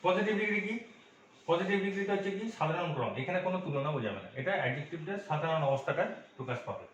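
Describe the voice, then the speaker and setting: Man, grammar teacher, patient, fairly high voice, far from mic, very echoey dull recording. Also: lively intonation, very fast, fairly bright tone. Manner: patient, asks and answers his own questions. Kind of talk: explaining a grammar lesson to students.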